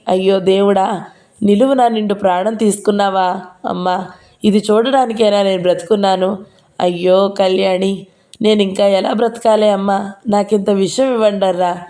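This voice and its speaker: A woman's voice: mellow, close to an everyday voice. A woman voicing a frantic, grieving old grandmother who cannot leave her bed, pleading and wailing in a raised voice. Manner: wailing, pleading, higher than her narration.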